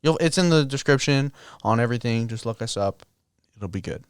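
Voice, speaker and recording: A young adult man co-hosting a podcast, chatting in a relaxed way from a couch at home. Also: mid-range voice, fairly quick, smooth, no room sound, clean studio sound. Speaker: podcast co-host. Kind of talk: casual chat.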